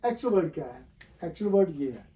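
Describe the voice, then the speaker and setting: A male language teacher runs a pronunciation lesson, questioning the viewer and then repeating the answers. He talks slowly and deliberately, stopping often to think. His voice sits a little high and is very animated, though the high frequencies are cut off.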